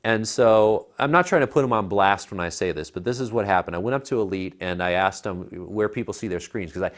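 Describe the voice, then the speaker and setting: A fairly low-pitched, fairly quick male voice belongs to an American co-host in his thirties who casually walks through home theater gear on a tech show. He's in a living room at home, wearing a lapel mic.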